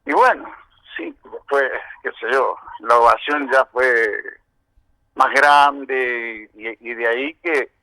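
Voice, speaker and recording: Older Argentine man with a bright voice. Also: medium pitch, slow, no echo, rough recording. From San Juan, Argentina. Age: 70s. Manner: long storytelling turns full of "este" and "eh". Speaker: interviewee, veteran rock musician. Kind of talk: reminiscing interview answers.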